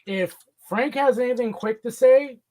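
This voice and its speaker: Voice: mid-range voice, a little slow, darkish tone. A guest on a casual podcast chat who teases dryly and works through a list of notes. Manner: dry teasing, organized with a list of notes.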